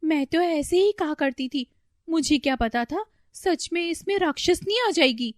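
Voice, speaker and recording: A fretful older mother-in-law from a storybook cartoon, as a woman puts her on, shrieking high and loud. Her shrill voice leaps wildly up and down as she wails and pleads. The sound is close and dry. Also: expressive, unhurried, no echo. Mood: anxious.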